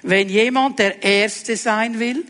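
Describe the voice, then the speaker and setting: Man, pastor, sermon, high voice, rhetorical questions, hushed emphasis. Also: slow. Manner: expressive preaching, drops to quiet lowered tones for emphasis; addresses the congregation directly with rhetorical questions.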